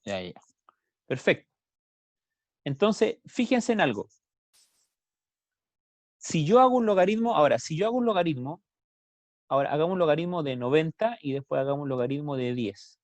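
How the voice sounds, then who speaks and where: A man's voice: fairly high pitch, animated, normal speed, pauses often, no room sound. A man with a Chilean Spanish accent teaching a math class on a video call, explaining step by step and asking students questions. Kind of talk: online class lecture.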